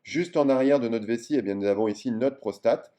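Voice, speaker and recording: A man explains ultrasound to other doctors in a loose, chatty lesson, full of hesitations and eager asides. His voice is mellow and dark, and his pitch sits in an ordinary middle range. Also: a little fast. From France. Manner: chatty, enthusiastic, many fillers. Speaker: general practitioner teaching ultrasound. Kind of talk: casual video lesson.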